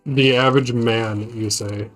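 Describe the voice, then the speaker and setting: A man's voice: mid-range voice, steady tone, unhurried, soft background music. Man making dry, teasing quips. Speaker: co-player on a stream. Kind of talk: casual banter.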